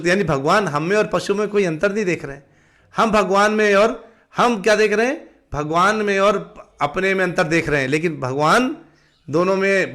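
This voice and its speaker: A man giving a live-streamed devotional talk, asking the audience questions and answering them himself, sometimes breaking into slow sung chanting. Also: high voice, a bit bright. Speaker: devotional teacher.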